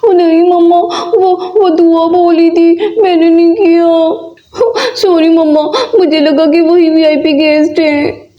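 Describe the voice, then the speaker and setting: A woman's voice: very high-pitched, level tone, takes it slowly. A woman voicing a meek young girl doll who stammers and apologizes, on a slightly muffled recording. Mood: apologetic. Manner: hesitant, stammering.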